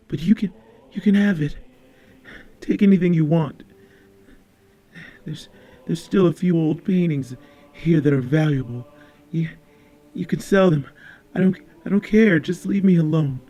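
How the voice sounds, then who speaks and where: A man's voice: fairly high pitch, a little slow, pauses often, darkish tone, dull audio, faint music behind. Man playing a quivering, pleading old man. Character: frightened old Italian man pleading for his life. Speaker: audiobook character.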